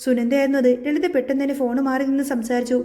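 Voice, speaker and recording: Woman narrator for a serial recap story, quick-paced with a warm, dark tone. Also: high-pitched, flat delivery. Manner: brisk, dramatic storytelling, reads all parts herself.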